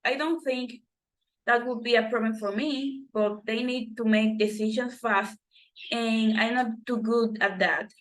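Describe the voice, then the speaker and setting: Slow, halting woman reading a textbook. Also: on the high side, steady tone, rough recording. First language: Spanish. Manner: halting, self-correcting reading with restarts. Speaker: student reading textbook exercises.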